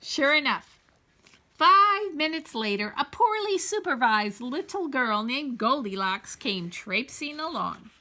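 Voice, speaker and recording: A woman reading a children's story aloud in an expressive, playfully wry and deliberate way. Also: sits high. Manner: playfully wry, deliberate, addresses young listeners. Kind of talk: animated storybook read-aloud.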